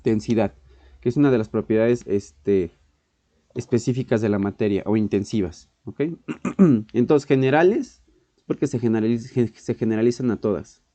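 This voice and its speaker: A man teaching a physics class, often clearing his throat, correcting himself and checking in with "ok". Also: lowish voice, normal speed, mellow, dry recording. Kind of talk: online exam-prep physics lesson.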